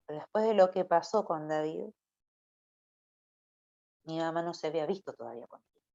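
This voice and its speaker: A woman gives an informal Bible talk to young church members. Her voice sits fairly low, and she keeps checking in with her listeners by tagging her phrases with a questioning "no?". The recording is muffled and lo-fi. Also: fairly quick, vocal fry, mellow. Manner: conversational, ends phrases with a questioning "¿no?". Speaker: church youth preacher. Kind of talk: informal Bible teaching sermon. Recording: dull lo-fi recording.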